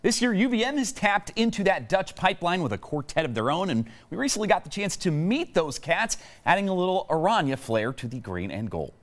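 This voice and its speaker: A young man hosts a college sports segment from a TV studio set. His scripted delivery is upbeat, with a lively, swinging pitch. His voice sits a little high for a man. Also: a little fast. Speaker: sports show host. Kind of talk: scripted broadcast intro.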